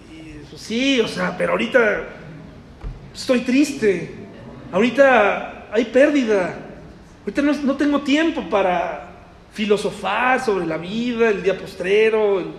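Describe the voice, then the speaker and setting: A man voicing a grieving, doubtful woman who answers in a hesitant, halting, excuse-making way, heard in an echoey hall. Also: high voice, lively intonation, gravelly, slight background noise, full character voice. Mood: weary doubt.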